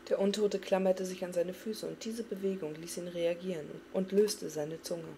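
Woman narrator, dramatic fantasy audiobook reading, dark gravelly voice. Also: lowish voice, normal speed, slight background noise. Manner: expressive, dramatic. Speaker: audiobook reader.

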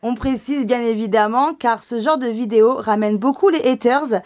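A woman's voice: on the high side, moderate pace, a little mellow. A woman co-hosting a casual family vlog as the girl's parent, explaining things patiently with many hesitant fillers.

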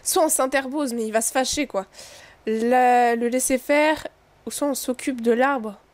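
Brief: young female let's play host, a touch high-pitched, lively and chatty, reading a game aloud. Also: no room sound. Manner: expressive, chatty, quick exclamations. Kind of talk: reading a visual novel aloud with commentary.

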